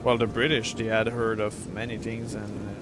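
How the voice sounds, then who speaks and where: A middle-aged francophone streamer from Quebec, Canada, with a French Canadian accent, comments on a strategy game, rambling casually and using many fillers. His fairly low voice is flat and fairly quick, with a noisy background.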